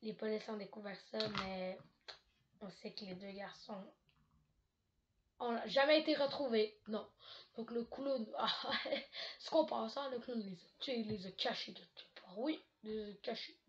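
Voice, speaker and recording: A woman's voice: mid-range voice, lo-fi sound, slight background noise. A woman hosting a live stream, telling a spooky story casually with many hesitations and joking asides. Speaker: livestream host. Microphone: home streaming mic.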